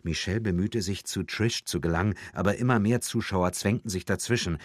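A man reading an audiobook in a measured, tense storytelling manner. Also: low-pitched, no room sound, clean studio sound. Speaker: audiobook narrator. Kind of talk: scripted audiobook narration.

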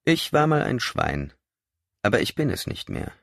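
A man voicing a fierce militant woman who leads a revolutionary cell, loud and biting in her mockery. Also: medium pitch, sing-song, normal speed, gravelly, no room sound, studio quality, voice pushed up. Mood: scornful.

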